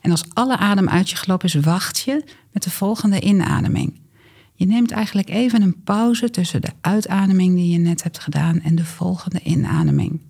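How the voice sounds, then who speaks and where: Soft, breathy, creaky woman guiding breathing. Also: lowish voice. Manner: calm, unhurried, instructional. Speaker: guest breathwork coach. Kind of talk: guided breathing exercise instruction.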